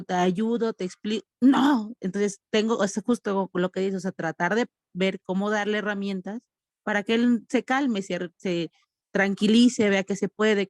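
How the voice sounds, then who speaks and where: A woman's voice: medium pitch, no room sound. A mother with a mid-range voice shares with an online group in a chatty way, thinking aloud as she goes. The sound is close and dry. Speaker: parent participant. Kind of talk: video call sharing.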